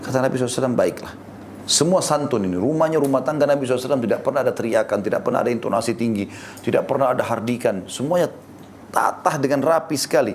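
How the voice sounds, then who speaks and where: A man preaching a sermon in a lively, animated way, speaking directly to his listeners as friends and leaping up in pitch to stress a point. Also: racing, a little hiss or hum. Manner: lively, animated delivery with sudden rises in pitch for emphasis.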